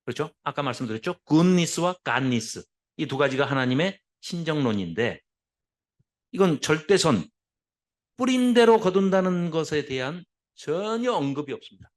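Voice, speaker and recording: A man lecturing a Bible class, lively and full of rhetorical questions put to his listeners. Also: on the high side, normal speed.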